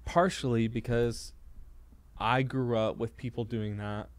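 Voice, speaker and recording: Soft-spoken man recounting a conference. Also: mid-range voice, fairly even intonation, a little slow, clean tone, no echo. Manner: hesitant, many fillers and restarts, self-deprecating. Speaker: pastor. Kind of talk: casual conversational storytelling.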